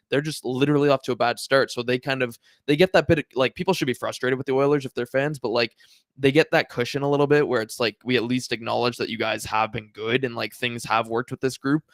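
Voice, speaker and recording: A man co-hosting a sports podcast, rattling off his points at high speed in loose, conversational talk full of fillers. His voice sits in a middle register. The sound is dry and close on the mic. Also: dry recording. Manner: quick and conversational, many fillers. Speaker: podcast co-host.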